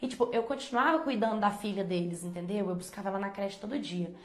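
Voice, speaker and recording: A woman's voice: mid-range voice, quick pace, echoey room. A woman telling a personal story in a chatty, confiding way, full of casual fillers.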